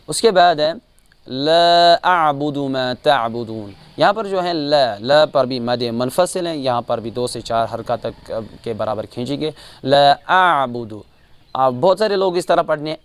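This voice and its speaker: A man with a Kashmiri accent teaching Quran recitation rules, explaining calmly and chanting each verse slowly, repeating sounds to correct mistakes. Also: mid-range voice, clean tone, no echo. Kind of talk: tajweed lesson with chanted examples.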